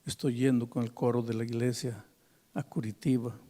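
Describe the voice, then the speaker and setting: A man's voice: medium pitch, level tone, moderate pace, mellow, long reverb tail, lightly acted. A man preaching, quoting a young woman telling her father she is leaving with the choir. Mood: earnest.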